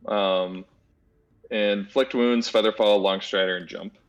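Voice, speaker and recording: A man's voice: lowish voice, fairly even intonation, takes it slowly, clean tone, lo-fi sound. A man talking casually as a player in a tabletop role-playing game.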